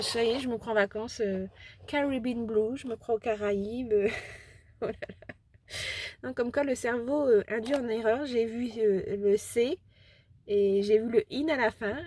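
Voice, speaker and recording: A woman chatting casually as a craft vlogger, rambling and excitable, often restarting her sentences and giggling at herself. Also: on the high side. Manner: excitable and self-deprecating. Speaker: craft vlogger showing a shopping haul. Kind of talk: casual chat.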